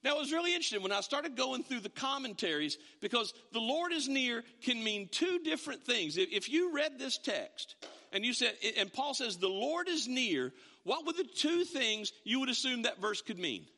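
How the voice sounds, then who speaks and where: A man preaching a sermon to his congregation in a church, animated and often restarting his words. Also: very high voice, moderate pace, big-room sound. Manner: animated, with frequent stammered restarts. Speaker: pastor. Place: church sanctuary.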